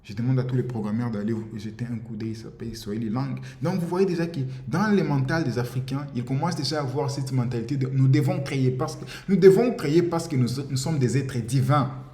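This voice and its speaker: A Congolese man with a mid-range, mellow voice speaks a little quickly as a commentator, delivering an impassioned, insistent monologue that repeats itself and often stumbles over words. The recording carries a roomy echo and faint ambience.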